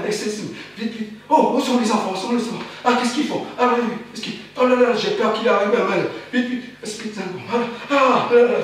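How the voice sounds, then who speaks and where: A high-voiced man performs a theatrical spoken-word monologue, chanting the same words over and over in a frantic rush. He argues with himself in quick questions and answers, lurching from loud outbursts to hushed muttering. He sounds distant in a very echoey space with faint hiss behind him. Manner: frantic, repetitive chanting with sudden swings between loud and hushed.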